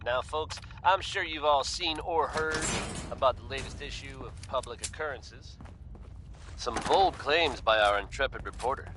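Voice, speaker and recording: A man's voice: medium pitch, moderate pace, noisy background, lightly acted. An actor playing a chatty, wry radio DJ in a video game, addressing his listeners in folksy patter.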